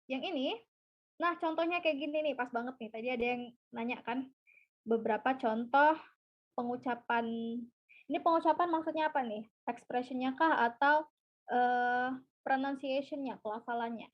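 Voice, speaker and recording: Woman, teacher, webinar lesson, high voice, slightly dull audio. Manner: mixes English into explanations, slow model sentences. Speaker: English teacher. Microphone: video call.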